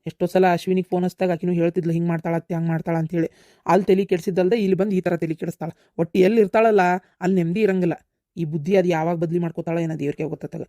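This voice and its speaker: Cartoon: woman playing a level-headed daughter with a North Karnataka accent, quick and firm, dry close sound. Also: on the low side, fairly even intonation, mellow, dry recording, natural voice. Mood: complaining. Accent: North Karnataka Kannada. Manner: reproachful, firm. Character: level-headed young woman scolding her mother. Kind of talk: cartoon voice acting.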